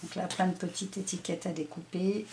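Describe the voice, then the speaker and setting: Showing off her scrapbooking haul in a casual vlog, a middle-aged woman from France speaks hesitantly with many filler words. Her low, warm voice holds a steady tone at a slightly quick pace, with a bit of hiss or hum underneath.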